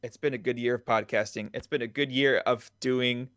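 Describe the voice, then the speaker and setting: A man's voice: medium pitch, steady tone, fairly quick, a bit bright. A man co-hosts a casual gaming podcast, joking around with goofy asides. His voice is recorded close and dry, without any room echo. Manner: playful, jokey, goofy asides. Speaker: podcast co-host.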